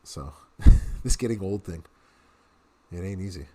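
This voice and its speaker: A man in his thirties streams games, chatting casually with viewers and laughing often as he plays. His voice is low, warm and unhurried, the talk easygoing gameplay commentary.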